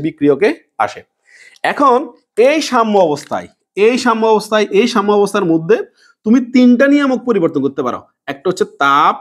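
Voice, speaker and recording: Fast high-voiced Bengali teacher. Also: male voice. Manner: asks questions and answers them himself, repeating key words; drops to a low soft voice on answers. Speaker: chemistry teacher. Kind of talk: classroom lecture.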